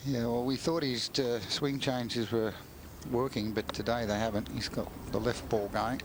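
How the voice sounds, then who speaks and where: A man giving live golf commentary in measured, analytical phrases. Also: medium pitch, steady tone. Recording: noisy outdoor sports broadcast sound.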